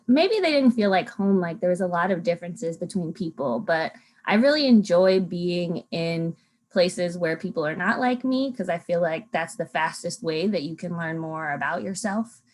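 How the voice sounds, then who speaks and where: A young Alaskan woman, appearing as a podcast guest, talks earnestly about travel and home in a casual interview. Her voice is on the low side and expressive, her pace a little slow, and she's thoughtful, with lots of ums.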